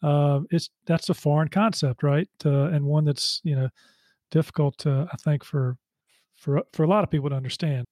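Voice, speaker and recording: Mellow-voiced male radio host. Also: a little high, steady tone, no room sound, studio quality. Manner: measured, halting with fillers. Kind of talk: interview.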